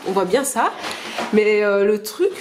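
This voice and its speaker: A woman's voice: mid-range voice, lively intonation, unhurried, background noise. Hesitant woman explaining home lessons. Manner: hesitant, full of filler sounds. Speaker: homeschooling mother. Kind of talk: casual explanation to camera. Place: home, at a whiteboard with her children.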